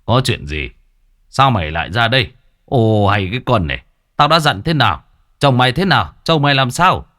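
A man voicing a gruff older village chief, scolding impatiently. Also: medium pitch, sing-song, a little fast, sharp tone.

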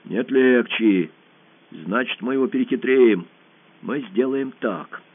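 A man's voice: mid-range voice, slow pace. A man voicing a bold, boastful young boy who talks with brash bravado, heard over a narrow phone-like band. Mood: scheming.

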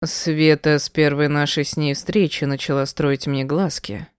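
A woman reading an audiobook voices a stern man who gruffly insists on being heard. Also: low-pitched, level tone, a little slow, no echo, studio quality. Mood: insistent. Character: stern man, the narrator's former lover.

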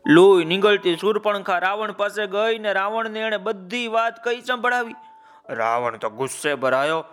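A man's voice: high-pitched, bright, forceful tone, smooth. A man narrating a children's story, calling out to his listeners with folksy asides.

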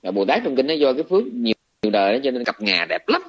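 A man with a Southern Vietnamese accent, a Buddhist monk giving a dharma talk, retelling a scripture story in a colloquial, animated way. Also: medium pitch, very fast. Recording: dull lo-fi recording.

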